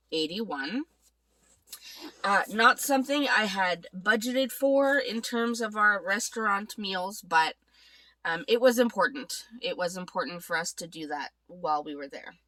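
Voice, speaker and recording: A woman's voice: lowish voice, pushed and bright, no echo. A congested woman recovering from a cold, chatting casually about her weekly budget as she works through her planner. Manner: chatty, thinking aloud while working. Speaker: vlogger.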